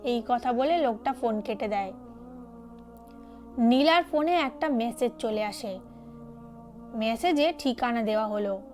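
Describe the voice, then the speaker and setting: Female storyteller, high voice, scripted narration with faint music under it. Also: lively intonation, measured pace, long pauses, a little mellow.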